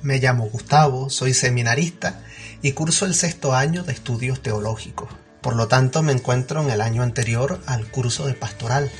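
A man in his twenties, a seminarian, giving a calm, reflective prepared testimony. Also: medium pitch, normal speed, soft background music.

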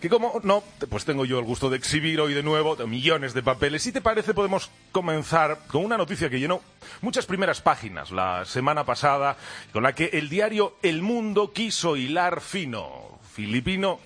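A man's voice: a little high, very animated, normal speed, fairly bright tone. A man hosting a humorous radio segment in a playful, jokey way. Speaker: radio show regular.

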